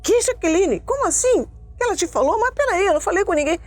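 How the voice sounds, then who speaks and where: A woman quoting her father as he fires off rapid, agitated, stammering questions. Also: sits high, expressive, mellow, pitched above the performer's own voice. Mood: flustered. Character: flustered father on the phone.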